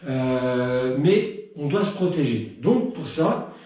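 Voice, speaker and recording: A man's voice: mid-range voice, expressive, slow, warm tone. A man teaching a live Krav Maga class, counting combinations and punctuating strikes with punchy sound effects, chatty between drills. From France. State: warm and a bit winded from training. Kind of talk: live online martial arts class. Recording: very echoey room, mic at a distance.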